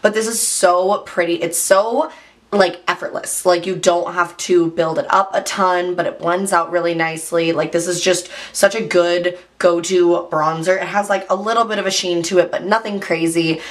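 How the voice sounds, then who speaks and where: A woman talking casually about her favorite beauty products, hoarse after losing her voice, chatty and full of "like", clearing her throat now and then. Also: on the low side, steady tone, moderate pace. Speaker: beauty vlogger. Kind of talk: casual chat.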